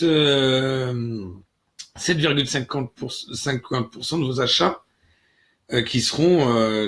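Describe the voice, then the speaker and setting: French-speaking man hosting a chatty tutorial. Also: fairly high pitch. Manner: hesitant, many fillers and restarts, addresses viewer directly. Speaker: channel host. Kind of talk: casual screen-recorded tutorial.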